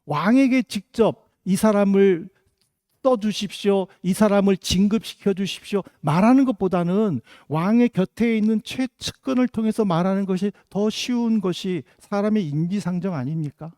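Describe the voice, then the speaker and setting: A man's voice: high-pitched, moderate pace, darkish tone, no room sound, studio quality. A middle-aged man from South Korea, a pastor giving a sermon with earnest storytelling and rhetorical questions. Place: church in Germany.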